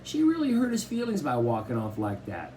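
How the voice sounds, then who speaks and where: A man reading a novel aloud in first person, with a lively voice that rises and falls. His tone is mellow and soft-edged, over a faint background hiss. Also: medium pitch, brisk. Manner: expressive storytelling. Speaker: audiobook reader. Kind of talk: first-person audiobook narration.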